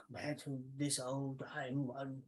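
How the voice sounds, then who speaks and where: A man running a tabletop game, switching back and forth between two character voices in one exchange and talking in halting restarts. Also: medium pitch, monotone. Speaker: game master voicing a priest. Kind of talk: tabletop roleplay.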